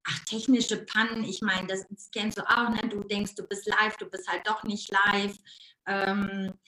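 Speaking with a Ruhr German accent, a coach from the Ruhr area chats in a casual interview, lively and bubbly, words tumbling out between frequent laughs. Her mid-range voice is a little slow, and the rough recording is reverberant.

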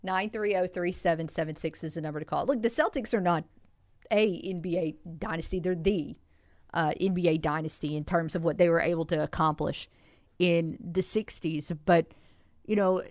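A woman's voice: lowish voice, moderate pace, a little mellow, dry recording, studio quality. A woman hosting a sports talk radio show, breaking down stats in a conversational way and taking calls. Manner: conversational, stat-driven analysis.

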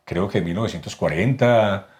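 In a casual podcast interview, a Colombian voice actor and announcer from Medellín talks as a guest, his paisa accent carried by a low, slightly mellow voice at normal speed. He explains at length, frequently restarting and repeating words.

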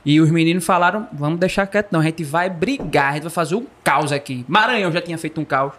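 A man from Pernambuco with a Pernambuco accent, telling a comic story in the first person with playful, animated delivery. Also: a little high, fast. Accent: Pernambuco Brazilian Portuguese. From Pernambuco, Brazil. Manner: playful, animated, jokey delivery with acted sound effects. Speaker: storyteller guest.

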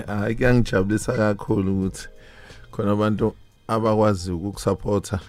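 A man's voice: fairly low pitch, fairly even intonation, a little fast, darkish tone, faint music behind. A South African man with a Zulu accent, speaking casually as an interview guest and switching between languages. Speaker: interview guest, lounge owner.

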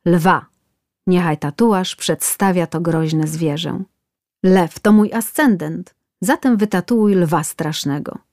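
A woman's voice: on the low side, takes it slowly, darkish tone, no room sound, studio quality. A woman voicing a whining man getting a tattoo, complaining and pleading in a storybook tale.

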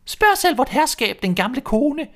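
A bossy, self-important old hen lectures in a shrill, piercing squawk. Her voice sits far above a plain speaking voice and comes out loud and pinched. Every line she speaks is a scolding. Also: big pitch swings, heavily acted. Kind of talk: storybook reading.

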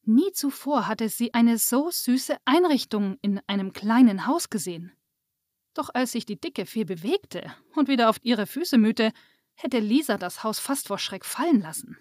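A woman reading a children's Christmas story aloud in a calm, clear storytelling manner. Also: on the high side, measured pace, no echo, clean studio sound.

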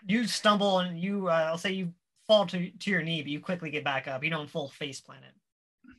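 A game master casually narrating a tabletop game in a halting way, searching for words. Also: mid-range voice, fairly even intonation, fairly bright tone.

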